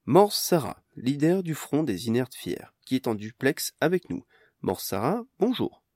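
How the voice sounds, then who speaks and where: A man voicing a television news anchor in an audiobook, with a smooth broadcast cadence. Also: mid-range voice, big pitch swings, measured pace, a little mellow, dry recording, clean studio sound, voice pushed up. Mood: polished.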